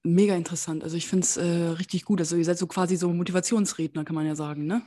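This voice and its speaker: A woman's voice: on the low side, fairly even intonation, fast, no room sound, studio quality. A woman hosting a podcast interview, enthusiastic and chatty with many hesitations. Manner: warm, enthusiastic, many fillers. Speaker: podcast host.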